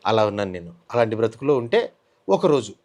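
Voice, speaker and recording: A man speaking as a testimony guest relates his story with earnest feeling, voicing the words of others in it as he goes. His voice is lowish and darkish in tone, sing-song, and a little fast.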